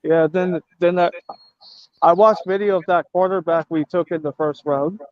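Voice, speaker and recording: Brief: high-pitched male guest on a video call, halting casual talk, dull dry call audio. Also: steady tone, clean tone, dry recording. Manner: halting, restarts often. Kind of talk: casual chat.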